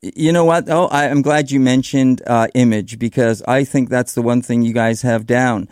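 Smooth male radio host, dry sound. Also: medium pitch, steady tone, moderate pace, darkish tone, dry recording. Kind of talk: conversational radio interview.

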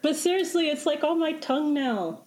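A woman with a Canadian accent hosting a casual podcast chat in a playful, expressive way. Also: high-pitched, moderate pace. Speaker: podcast host.

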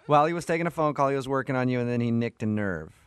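Deadpan man pulling a prank call. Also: mid-range voice, very fast, clean tone, no room sound. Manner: deadpan, feigning confusion, stifled laughter. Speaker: radio host making a prank call.

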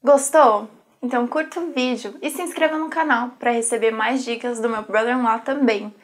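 A woman's voice: on the high side, steady tone, moderate pace. A woman from Brazil hosting an English lesson channel, chatty and upbeat, introducing the lesson and a guest teacher. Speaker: channel host. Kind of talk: casual video lesson.

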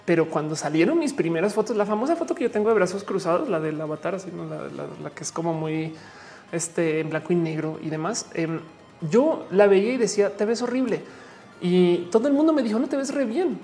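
A woman's voice: fairly low pitch, lively intonation, brisk, mellow, soft background music. Chatty Mexican woman reading comments. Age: 40s. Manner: chatty, reads comments aloud, laughs often. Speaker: streamer answering chat. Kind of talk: casual live chat.

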